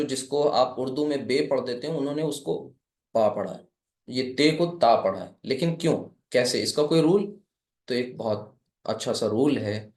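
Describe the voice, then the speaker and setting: A man's voice: medium pitch, darkish tone, roomy sound. A man from India teaching a live Arabic class, patiently explaining step by step and quizzing his students.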